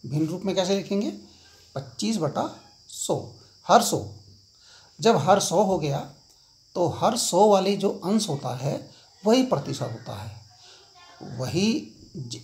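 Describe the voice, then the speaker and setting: A man's voice: high-pitched, very animated, a little slow, long pauses, darkish tone. A middle-aged man teaching a school maths lesson, repeating key points and asking his students questions as he explains.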